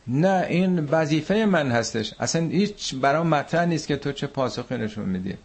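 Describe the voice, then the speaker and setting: A man from Iran teaching a Quran commentary class, reciting Arabic verses slowly and explaining them in everyday speech. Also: a little high, expressive.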